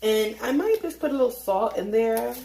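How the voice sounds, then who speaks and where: Late at night and tired, a home cook vlogger from a Haitian family chats while cooking in her echoey home kitchen, joking, swearing casually, and singing snatches of songs. Her voice is a little high, expressive, and mellow, with vocal fry and a normal speed. A little hiss or hum is audible.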